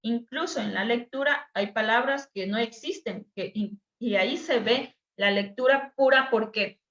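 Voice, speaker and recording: A woman's voice: fairly high pitch, measured pace, fairly bright tone. A woman teacher, patiently explaining a dyslexia assessment to a workshop group over a video call. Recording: echoey room, dull lo-fi sound.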